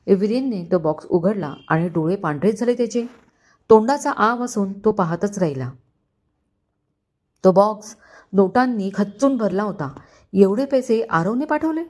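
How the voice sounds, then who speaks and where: A woman storyteller reading a romantic family story aloud in scripted narration. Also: mid-range voice. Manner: even, expressive storytelling.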